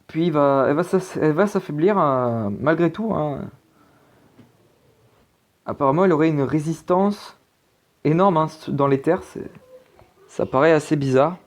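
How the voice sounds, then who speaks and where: A man with a fairly high-pitched voice narrates the weather maps as an amateur presenter, speaking at normal speed but pausing often. His commentary is casual and halting, full of fillers and restarts.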